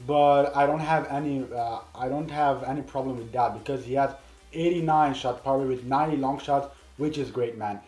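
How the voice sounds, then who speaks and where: Excitable gamer man, roomy sound. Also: on the high side. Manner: repeats "man" at the end of phrases; excitable, with a loud hyped greeting. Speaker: gaming YouTuber. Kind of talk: casual gameplay commentary.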